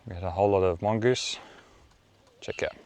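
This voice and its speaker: A travel vlogger with a South African accent chats casually outdoors around a safari camp and its waterholes. His voice is on the low side with a darkish tone, and he speaks at a moderate pace.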